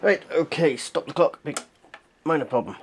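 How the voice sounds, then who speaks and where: Hosting a hands-on demonstration vlog, a man keeps up a casual, jokey, muttered running commentary. His voice is on the high side and animated at a moderate pace, and the amateur camera audio is noisy.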